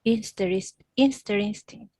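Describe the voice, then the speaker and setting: A woman's voice: medium pitch, slow, darkish tone, dry recording. A woman studying English, carefully and hesitantly repeating words after her teacher. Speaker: student. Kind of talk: repeating words in a language class.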